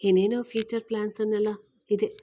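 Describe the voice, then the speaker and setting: A woman voicing an earnest man in his thirties who gently and eagerly asks a woman to marry him, in a read-aloud story. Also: medium pitch, flat delivery, a little fast, natural voice.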